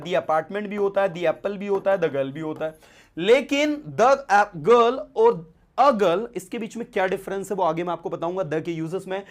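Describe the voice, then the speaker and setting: A man teaching English grammar in a casual classroom style, explaining step by step and checking in with his students as he writes words on a board. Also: high voice. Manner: explains step by step with frequent "है ना" and "right?" check-ins.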